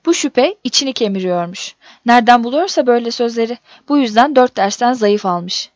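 A woman reading a first-person story aloud in a steady, measured audiobook narration. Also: a little high, no room sound. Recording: dull dry recording.

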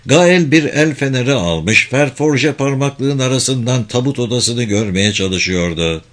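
A man narrating an audiobook in a measured, expressive reading voice. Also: mid-range voice.

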